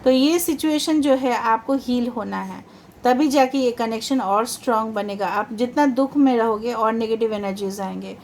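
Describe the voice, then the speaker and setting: A woman's voice: a little high, normal speed, a little mellow, slight background noise. A woman giving a tarot reading, chatty and reassuring, often mixing English into her talk. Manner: chatty, reassuring, mixes English into Hindi, repeats "theek hai". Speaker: tarot reader.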